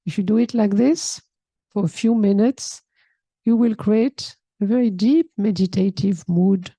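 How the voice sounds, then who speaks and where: A woman, teaching a calm, reflective spiritual talk and often checking in with a soft hmm. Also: medium pitch, a little slow, slightly rough, dry recording. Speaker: yoga teacher. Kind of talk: spiritual talk reading and explaining a text.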